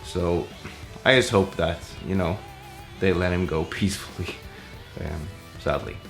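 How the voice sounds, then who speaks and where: Guy musician chatting thru a q&a, loose and rambly, lower voice. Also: measured pace, creaky, faint music behind. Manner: relaxed, rambling with many fillers. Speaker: musician answering viewer questions. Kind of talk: casual Q&A vlog.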